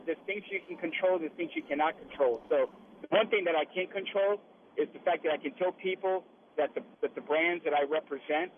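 Man on a tinny phone line from truck cab. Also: fairly high pitch. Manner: speaking from inside a truck cab while riding. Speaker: guest, liquor brand representative. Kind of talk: casual radio interview by phone. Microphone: phone call. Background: truck cab noise.

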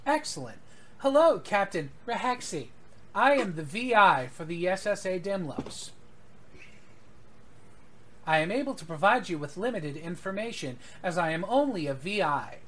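A game master voicing a calm male ship computer intelligence that speaks in clipped, formal, machine-like phrasing. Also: medium pitch, normal speed, a little hiss or hum, voice pushed up.

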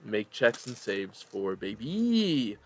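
A man narrating a tabletop role-playing game as game master, telling the scene dramatically with pauses between phrases. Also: on the low side, gravelly, fairly bright tone, a little hiss or hum.

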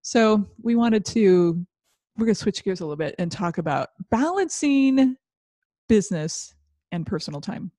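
A woman co-hosting a business podcast in a casual chat, agreeable and quick to back up her partner. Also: medium pitch, expressive, mellow, no echo, clean studio sound. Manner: agreeable, backs up her partner, talks through her routine. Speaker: podcast co-host.

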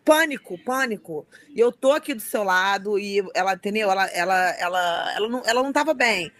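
Brief: woman, rapid animated storyteller, dry close sound. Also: mid-range voice, no room sound. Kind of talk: casual chat.

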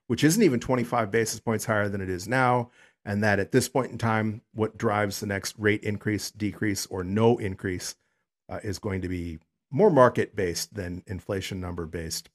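A man hosting a solo podcast, talking in a rambling, chatty way with lots of fillers. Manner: rambling and chatty, many fillers, pitch jumps up on greetings. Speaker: podcast host.

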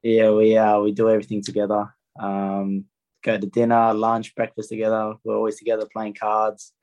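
Even, low-pitched young Australian athlete. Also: male voice, moderate pace. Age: young adult. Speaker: rugby league player being interviewed. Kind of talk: casual interview answers.

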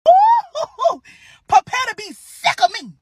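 Woman yelling dramatically, super high and swooping, noisy distant clip. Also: huge pitch swings. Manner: shouting, theatrical, drawn-out.

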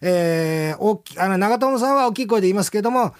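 A man's voice: sits high, lively intonation, fast talker, clear, resonant tone. A man hosting a radio after-talk, chatting casually and rambling with laughs between lines. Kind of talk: casual chat.

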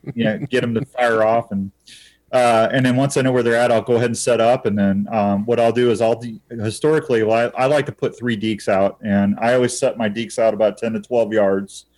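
A man's voice: medium pitch, fairly even intonation, a little fast, darkish tone. A man talking as a podcast guest, explaining hunting methods step by step in a folksy, casual way. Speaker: podcast guest, turkey bowhunter. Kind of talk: casual interview chat.

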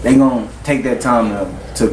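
A man's voice: medium pitch, normal speed, over a noisy crowd. A man in his twenties from the United States in casual, slangy, profane group conversation. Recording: roomy, distant from mic, faint noise.

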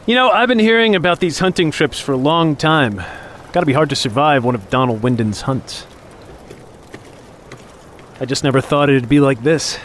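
A man's voice: a little high, moderate pace, fairly bright tone, slight background noise, lightly acted. A man playing a younger office underling on a hunt, talking on with mock cheer, taunts and menace in a dramatic audio story. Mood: falsely chummy. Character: younger male office underling, falsely chummy, needling, menacing hunting companion. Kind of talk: dramatic audio fiction acting.

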